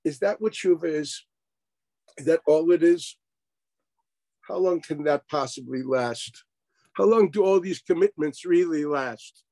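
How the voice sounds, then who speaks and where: Man, rabbi, high-pitched voice, dry close sound, sarcastic rhetorical questions, video call lecture. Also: a little slow, pauses often, dark tone, dry recording, low-quality recording. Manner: sprinkles Hebrew and Yiddish terms. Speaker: rabbi teaching a class. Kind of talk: informal Torah lecture.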